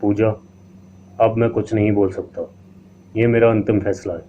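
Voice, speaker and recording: A man's voice: fairly low pitch, steady tone, normal speed, warm tone, lightly acted. A man voicing a scheming wealthy male haveli owner, stern and dismissive. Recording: tinny lo-fi line with faint hiss.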